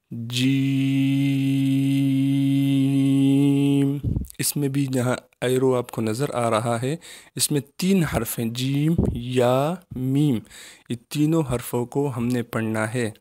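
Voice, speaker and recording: Patient, flat-voiced male Quran teacher. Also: medium pitch. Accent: Pakistani Urdu. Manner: patient, repeats each letter slowly and drawn out. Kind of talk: children's recitation lesson.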